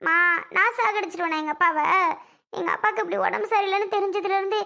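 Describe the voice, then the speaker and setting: A woman's voice: very high voice, fast talker, gravelly, bright, forceful tone, exaggerated voice. A woman voicing a young married daughter in a cartoon family serial, pleading with her father and calling out to him over and over. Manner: pleading, repeated calls of "appa".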